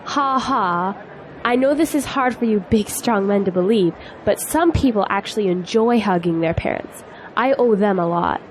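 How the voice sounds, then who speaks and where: In a scripted audio drama, a young adult actress plays a spirited female graduate, teasing yet earnest. Her medium-pitched voice moves at a moderate pace and sounds close to everyday speech. The rough recording carries faint noise and outdoor crowd ambience.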